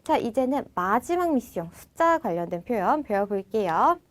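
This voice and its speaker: Lively woman teaching French phrases. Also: fairly high pitch. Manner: slows down to model phrases, then explains in Korean. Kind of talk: language lesson.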